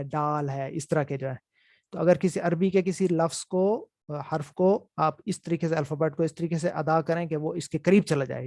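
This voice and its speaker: A man gives an online lesson on the rules of Quran recitation, repeating each point to make sure it sinks in. His voice is gravelly and sits a little high for a man. The sound is dry and close. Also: darkish tone, no echo. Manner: explanatory, repeats key points with "theek hai". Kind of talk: online class lecture.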